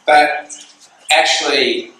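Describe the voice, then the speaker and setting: Earnest Australian male guest speaker, chatty storytelling, bright voice recorded from afar in a reverberant church. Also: a little high, fairly even intonation, slow pace. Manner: earnest, conversational, with restarts. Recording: echoey church hall, far from mic.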